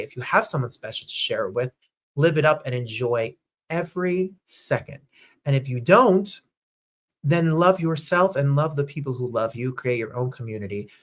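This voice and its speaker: A man's voice: mid-range voice, fairly bright tone. A man hosting a casual livestream chat show from home, upbeat and chatty, greeting viewers by name. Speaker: host.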